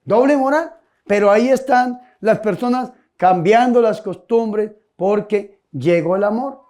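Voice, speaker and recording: Padre preaching, really high voice but dark mellow tone, jokey folksy stories. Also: male voice, a little slow. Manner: folksy storytelling, jokes, direct questions to listeners. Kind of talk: humorous sermon to a congregation.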